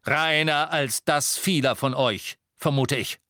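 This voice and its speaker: A man voicing a teenage boy wizard who gives loud, urgent commands. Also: on the high side, expressive, moderate pace, no room sound, clean studio sound, voice pushed up, natural voice. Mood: authoritative.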